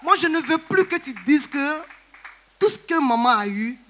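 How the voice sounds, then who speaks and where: A woman's voice: high voice, expressive, fairly bright tone. A woman giving a personal testimony in a church service, earnest and recounting. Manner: earnest, recounting, quick replies.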